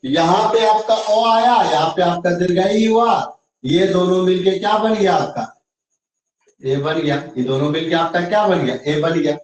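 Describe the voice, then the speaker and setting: High-voiced man teaching from far off. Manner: slow, repetitive explaining with frequent check-ins. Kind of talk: online grammar lesson. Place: online class. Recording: echoey room, voice from far off.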